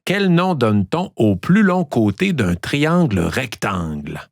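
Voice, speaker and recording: A man's voice: medium pitch, big pitch swings, takes it slowly, vocal fry. A man with a Québécois accent hosting a playful road-trip quiz, trained in theatre diction, full of joking asides. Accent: Québécois French. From Quebec. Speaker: host.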